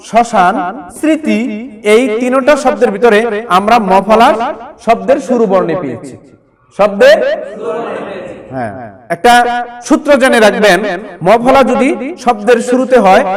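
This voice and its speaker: A male teacher giving a classroom lesson, asking the class questions and answering them himself while repeating words. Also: high-pitched.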